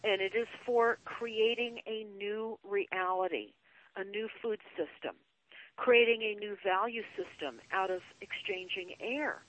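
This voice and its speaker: A woman's voice: mid-range voice, fairly bright tone, low-quality recording. Grave, emphatic woman delivering a conspiracy monologue. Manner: grave, emphatic, deliberate with drawn-out phrasing. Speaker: guest speaker on a call-in show.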